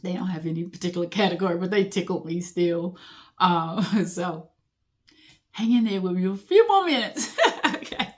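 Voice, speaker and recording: Laughing, animated middle-aged woman. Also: on the low side, normal speed. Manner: laughs often, animated, folksy Southern-style talk. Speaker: host reading funny memes. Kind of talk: casual chat.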